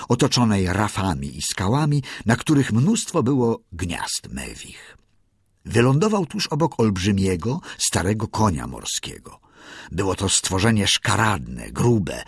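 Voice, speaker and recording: Husky, gravelly male storyteller. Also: deep voice, no echo, clean studio sound. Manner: expressive storytelling. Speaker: narrator. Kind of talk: audiobook reading of a classic tale.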